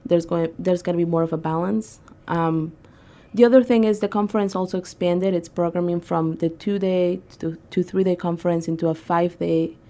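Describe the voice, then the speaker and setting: Low, gravelly-voiced woman guest. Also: steady tone, moderate pace, dark tone. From Peru. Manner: conversational, frequent ums and uhs. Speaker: guest, arts organizer. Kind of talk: radio interview.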